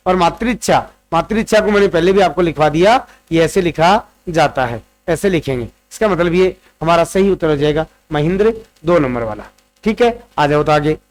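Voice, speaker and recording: A man with a high-pitched voice leads an exam-prep Hindi grammar class. He works through answer options one by one, repeating forms and checking that students follow. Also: animated, normal speed. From Rajasthan, India. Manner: repeats answers, drills word forms aloud; addresses students directly, quizzing them.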